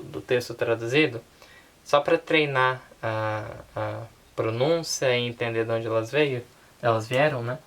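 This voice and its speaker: A woman with a Brazilian Portuguese accent giving a casual online language lesson, relaxed and unhurried, often checking in with her listeners. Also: rumbling low. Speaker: language teacher.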